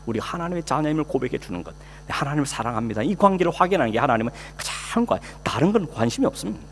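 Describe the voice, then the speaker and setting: A man's voice: mid-range voice, sing-song, racing. Man preaching in a reverberant church. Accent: Korean. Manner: conversational preaching with rhetorical questions and acted quotes. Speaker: pastor. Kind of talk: sermon. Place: church sanctuary. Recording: long hall reverb, faint hum.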